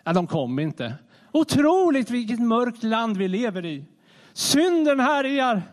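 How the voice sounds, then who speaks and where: A man preaching a sermon in a conversational, animated way, often restarting his sentences. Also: extremely high pitch. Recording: long reverb of a large hall.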